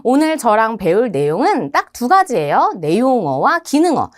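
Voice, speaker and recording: A young woman teaching exam listening skills in a studio video lecture, with an animated teacherly delivery, asking questions and answering them herself. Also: fairly high pitch, moderate pace. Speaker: TOEIC listening instructor. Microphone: studio microphone.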